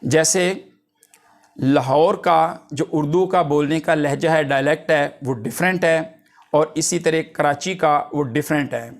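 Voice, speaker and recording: A male English teacher giving a lecture, reading definitions out slowly and then explaining them in plain terms. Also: fairly high pitch.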